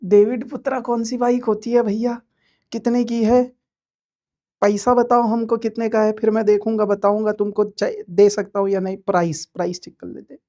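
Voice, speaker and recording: A man's voice: high-pitched, flat delivery, normal speed, warm tone. Joking male online teacher reading chat. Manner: chatty, joking, reads out viewer messages; hesitant fillers. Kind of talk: live online class, reading chat aloud.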